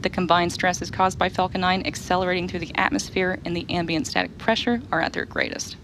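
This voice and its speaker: A woman with a slightly low voice hosts a live launch webcast. She explains each step in a clearly enunciated presenter delivery. There is faint noise behind her. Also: flat delivery, a little fast, fairly bright tone, rough recording.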